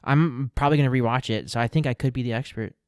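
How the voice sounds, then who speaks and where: Young guy cohosting a podcast, animated and laughing, dry close sound, middle pitch. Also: quick pace, clean tone, no room sound. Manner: animated, laughs easily, restarts sentences. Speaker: podcast co-host. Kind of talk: casual chat.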